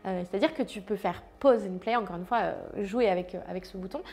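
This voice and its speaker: A woman's voice: mid-range voice, fairly quick, darkish tone, slightly rough. Chatty French-speaking woman teaching. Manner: chatty, many fillers, addresses viewer directly. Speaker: language teacher. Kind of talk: casual explanatory lesson.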